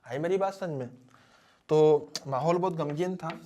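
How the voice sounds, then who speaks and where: A man's voice: on the high side, normal speed. A man teaching physics as a dramatic story, talking straight to his students. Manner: animated, dramatic storyteller who addresses students directly.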